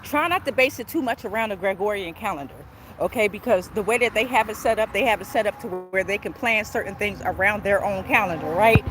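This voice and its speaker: Out on a walk by busy roads, a spiritual tarot reader streams live from her phone, her mid-range voice moving fairly quickly. She keeps it casual, repeats phrases, and checks in with viewers as traffic noise fills the background.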